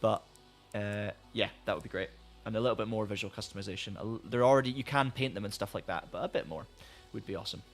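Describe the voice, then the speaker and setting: A man with a fairly low voice talks quickly and barely pauses, faint music in the background. Reading viewer comments on a live stream, he rambles in a friendly, casual way, restarts sentences often, and notes that his voice is giving out.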